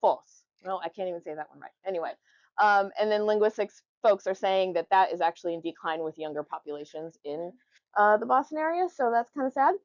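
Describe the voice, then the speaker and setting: A dry, slightly muffled lo-fi recording of a woman presenting informally. She speaks at a middling pitch in a conversational, joking way, explaining things to a group and sounding out example words as she goes. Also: expressive, quick pace, no echo. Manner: jokey, conversational, demonstrating word pronunciations.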